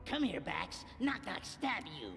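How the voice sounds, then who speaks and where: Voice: medium pitch, sing-song, unhurried, vocal fry, full character voice. An actor playing a menacing knife fighter in a video game, taunting and sadistic, in reverberant game audio. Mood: gloating. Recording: reverberant game audio under loud music.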